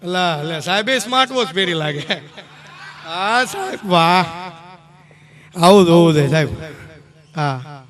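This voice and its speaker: A man's voice: high voice, animated, measured pace, long pauses, a bit bright. A man telling jokes to a live audience, chatting with listeners between stories. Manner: jokey, chatty, addresses audience directly. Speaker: stage comedian. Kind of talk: live comic storytelling. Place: live stage show.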